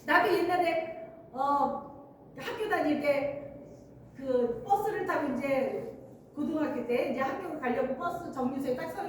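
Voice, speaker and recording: A woman pastor preaching a sermon, earnest and emphatic, often laughing as she speaks. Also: high-pitched. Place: church sanctuary. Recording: very echoey church hall, mic at a distance, faint noise.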